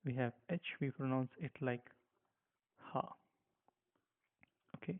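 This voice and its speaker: A man with a mid-range voice talks fast while giving a language lesson, patiently spelling letters out one by one and explaining how each sounds. It's a slow, repetitive spoken lesson, and the audio is tinny, like a phone.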